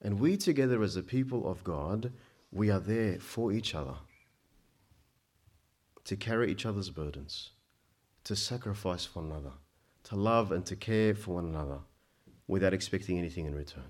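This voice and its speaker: Emphatic preacher born in Egypt. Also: male voice, expressive, normal speed. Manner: emphatic, rising to loud peaks then dropping low; frequent stammered restarts. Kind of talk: sermon.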